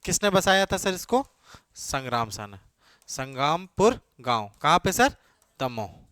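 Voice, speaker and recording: A man with a slightly high voice runs a classroom lecture, firing questions and repeating the answers so students can note them. He keeps urging them to answer quickly. The sound is dry and close, with no room echo. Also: sing-song, sharp tone. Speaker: teacher.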